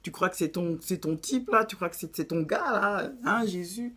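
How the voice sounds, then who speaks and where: A woman's voice: fairly low pitch, normal speed, a bit bright, slightly rough, pitched above the performer's own voice. A woman with an African accent voicing a scheming, cocky male Satan who mocks with challenging questions. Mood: taunting.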